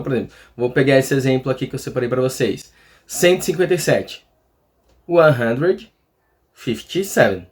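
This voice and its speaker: A man with a Brazilian accent teaching a casual lesson, chatty, checking in often with his listeners. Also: fairly high pitch. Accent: Brazilian Portuguese. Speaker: English teacher.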